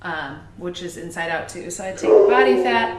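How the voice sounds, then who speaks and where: A woman personal trainer talking casually as a guest, with hesitant pauses and frequent fillers. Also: fairly low pitch, animated, over a noisy crowd. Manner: hesitant, many ums. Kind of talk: casual chat. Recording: roomy echo, distant mic, faint ambience.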